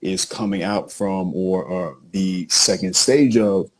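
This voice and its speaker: A man co-hosting a casual podcast, animated and hyping up his guest while repeating phrases. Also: low voice, takes it slowly. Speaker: co-host introducing the show.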